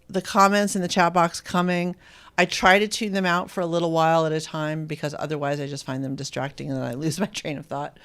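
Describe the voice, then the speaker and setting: A host in their fifties, from Indiana, chatting casually on a live stream and reading viewer comments aloud, with frequent pauses and ums. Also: medium pitch, a bit bright. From Indiana, USA. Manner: rambling and hesitant, with many ums, reads viewer comments aloud.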